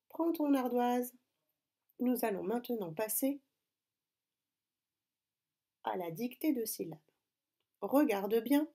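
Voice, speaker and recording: Slow-speaking woman teaching phonics. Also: mid-range voice, dark tone. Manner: slow, clear, deliberate teacher talk addressing pupils. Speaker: primary school teacher. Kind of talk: phonics lesson for children.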